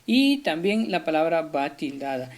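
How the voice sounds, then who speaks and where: A man's voice: a little high, big pitch swings, a little slow. Friendly man teaching children. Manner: friendly, addresses pupils directly, frequent hesitations. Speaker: primary school teacher. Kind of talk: video lesson for children.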